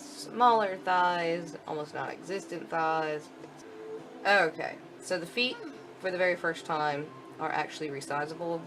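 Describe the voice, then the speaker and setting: Against a noisy background, a woman with a low-sitting voice presents a video game demo, giving chatty, informal live walkthrough commentary and explaining as she goes.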